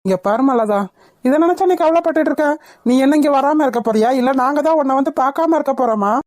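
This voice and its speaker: A woman voicing a soft-hearted father in a cartoon who reassures his daughter. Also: high voice, expressive, quick pace, no room sound, studio quality. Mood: reassuring. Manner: soothing, reassuring. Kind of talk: cartoon voice acting.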